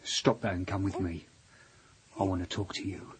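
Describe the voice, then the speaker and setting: A man's voice: low voice, flat delivery, normal speed, natural voice. A man playing a menacing bully, noisy. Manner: harsh, commanding, threatening. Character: menacing middle-aged man bullying a servant girl.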